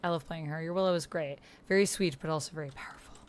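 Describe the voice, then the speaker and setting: A low-voiced woman who talks fast hosts an online roleplay done in text, reflecting aloud to herself and reading some of the typed chat out. The sound of a computer keyboard comes through clearly.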